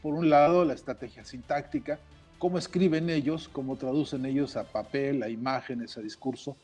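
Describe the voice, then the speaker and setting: Guy explaining stuff all academic, mid voice, soft music behind. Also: mid-range voice, steady tone. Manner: academic, measured, with hesitant fillers. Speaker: commentator. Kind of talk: analytical commentary.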